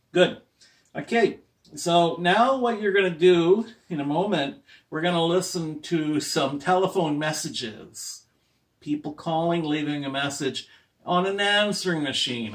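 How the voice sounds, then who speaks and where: Slow, patient man teaching a class. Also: a little high, a bit bright, distant mic. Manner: slow, patient, checks in with "any questions?". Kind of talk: classroom lesson to language learners.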